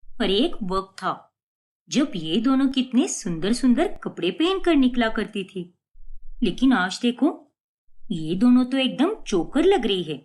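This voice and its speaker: A woman's voice: fairly high pitch, sing-song, a little slow, darkish tone. A woman voicing a gossiping, scornful middle-aged neighbor woman in a cartoon story. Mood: mocking. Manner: sneering, scornful.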